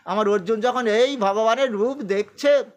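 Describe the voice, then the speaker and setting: A high-voiced man preaching a sermon on scripture. He talks to the listeners directly and keeps checking in with questions. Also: unhurried. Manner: asks the audience questions.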